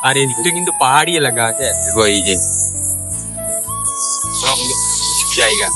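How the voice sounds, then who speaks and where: A man's voice: medium pitch, expressive, rapid-fire, over loud music. A young man from West Bengal, chatting casually as a travel vlogger at a train station and on a train, filmed on a handheld camera and often asking "right?". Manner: chatty, keeps asking "ঠিক আছে?", talks softly when alone.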